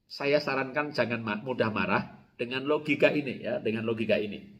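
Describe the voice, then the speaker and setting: A middle-aged Javanese man preaching a sermon as pastor, telling stories with laughter and shouting out quoted lines. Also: mid-range voice, normal speed. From Java, Indonesia.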